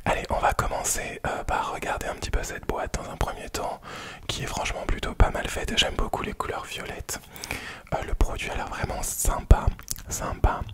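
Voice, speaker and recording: Hushed and soft, as if speaking at night, a man whispers his way through presenting a product, his ASMR unboxing style casual and unsure.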